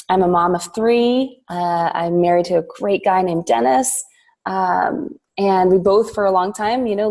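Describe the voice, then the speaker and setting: A Philippines-born woman chatting as a podcast guest, upbeat and enthusiastic, with loose pauses and fillers. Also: medium pitch, a little mellow. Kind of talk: casual podcast interview.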